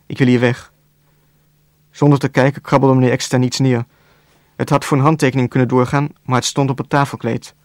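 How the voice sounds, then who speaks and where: Flat-voiced man narrating a novel. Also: medium pitch, fast talker, no room sound, clean studio sound. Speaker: audiobook narrator. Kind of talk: scripted narration.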